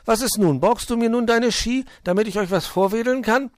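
A man voicing a small, cheeky male bird who chirps, pleads and whines in a high voice. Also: a little fast, dry recording, studio quality. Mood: coaxing.

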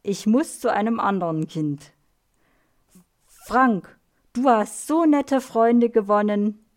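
A woman's voice: medium pitch, slow pace, a little mellow, lightly acted. A woman voicing a serious, kindly female guardian spirit who speaks earnestly in a storybook.

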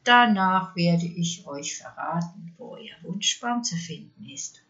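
A woman voicing a cruel, mocking male devil in a fairy tale, taunting loudly and then dropping to a menacing hush. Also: fairly low pitch, measured pace, lo-fi sound. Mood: sly. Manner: loud taunting, drops to a soft menacing hush.

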